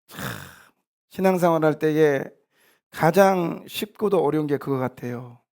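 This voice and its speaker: Gravelly, high-voiced man preaching. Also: unhurried. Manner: animated preaching, swings from quiet asides to loud exhortation. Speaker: pastor. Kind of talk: sermon. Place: church sanctuary.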